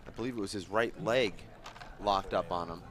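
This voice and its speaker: A man with a low voice offers measured, informative background on the players. A noisy live broadcast hums under his words. He works as an analyst during the match. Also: fairly bright tone. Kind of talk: live sports commentary.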